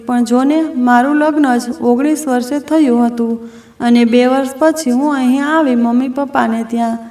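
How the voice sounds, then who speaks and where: An earnest, strong-minded woman opens up to a close friend in reflective, heartfelt words, voiced by a storybook narrator. Her voice is high-pitched. It echoes in a roomy space, picked up from a distance. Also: darkish tone, natural voice. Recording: roomy echo from a distant mic.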